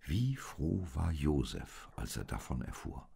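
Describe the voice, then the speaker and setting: A man reading a storybook aloud as narrator, calm and expressive. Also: extremely low pitch, a little slow, vocal fry, slightly rough.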